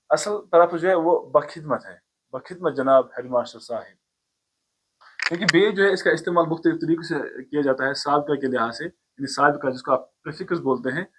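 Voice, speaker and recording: Man teaching, fairly high voice. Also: a bit bright. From Kashmir. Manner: patient, explains step by step and counts words aloud. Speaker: language teacher. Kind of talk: explanatory lesson on pronunciation.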